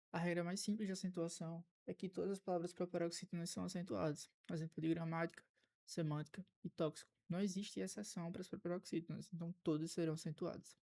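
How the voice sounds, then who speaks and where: A man with a Brazilian Portuguese accent teaching an exam-prep grammar lesson, explaining rules methodically, repeating key points and pausing on filler sounds. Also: on the high side, warm tone. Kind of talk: recorded online lesson.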